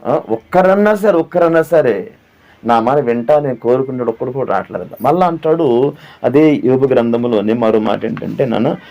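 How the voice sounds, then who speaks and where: A man's voice: medium pitch, expressive, normal speed, warm tone. A man pastor preaching a sermon who asks the listeners questions, repeats his phrases and sings hymn lines. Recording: dull lo-fi audio with faint background.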